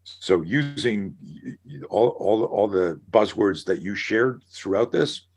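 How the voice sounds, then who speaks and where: A middle-aged man on a podcast, an animated storyteller who acts out scenarios as he talks. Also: lowish voice, takes it slowly, creaky, slightly rough. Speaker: guest, self-defense instructor. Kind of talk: casual podcast conversation.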